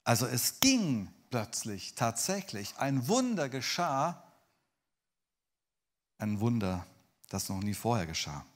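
A man preaching a sermon, addressing listeners directly and swinging from loud dramatic bursts to hushed, near-whispered lines. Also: mid-range voice, big pitch swings, slow pace, long pauses.

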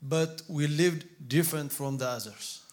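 A man in his forties gives his testimony in English at a church, in short halting phrases with pauses. His voice sits a little higher than most men's, and he often repeats a word while searching for the next one. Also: a little mellow. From Ethiopia. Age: 40s. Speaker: guest speaker.

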